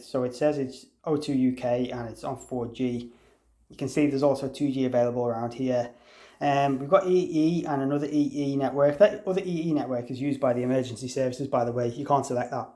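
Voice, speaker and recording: Recorded in a roomy space with noticeable echo, a man demonstrates software in an unscripted, informal tutorial, chatting and thinking aloud along the way. His voice is fairly high-pitched and a little mellow.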